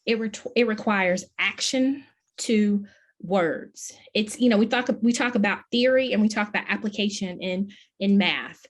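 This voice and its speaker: A woman's voice: medium pitch, moderate pace. A middle-aged woman, a professor, delivering a conference keynote in an earnest, emphatic way, with many questions. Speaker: plenary speaker, professor.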